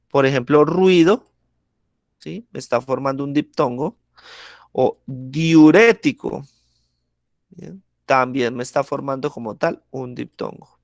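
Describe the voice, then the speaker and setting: Slow, patient male teacher. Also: fairly high pitch, dry recording, studio quality. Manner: keeps checking in with the class, asking ¿listo? and ¿sí?; patient, explains step by step with examples. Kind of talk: online class lesson.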